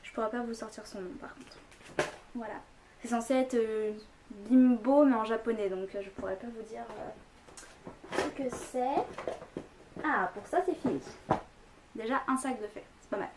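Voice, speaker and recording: A young woman chats her way through a shopping haul at home, rambling and full of fillers. Her voice sits a little high. A faint hiss runs under the recording. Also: unhurried, pauses often. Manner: chatty, rambling, many fillers. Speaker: vlogger. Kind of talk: casual haul vlog.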